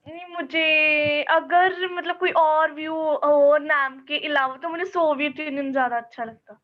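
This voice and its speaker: Hesitant teenage girl, very high voice. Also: fairly even intonation. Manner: hesitant, halting answers. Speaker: student. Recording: dull lo-fi video call audio.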